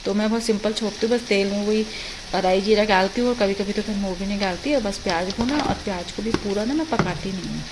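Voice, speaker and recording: A woman's voice: mid-range voice, quick pace, very noisy. A woman from India narrating her daily vlog in a chatty, explaining way. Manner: chatty, explaining as she goes. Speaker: vlogger.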